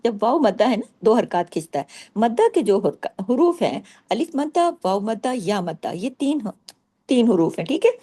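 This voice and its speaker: A woman teaching Quran recitation rules in a patient way, explaining each rule and reciting verses slowly to show them. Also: fairly high pitch, very animated, dark tone, slightly rough. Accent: Pakistani Urdu. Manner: patient, repeats rules, checks understanding with "theek hai".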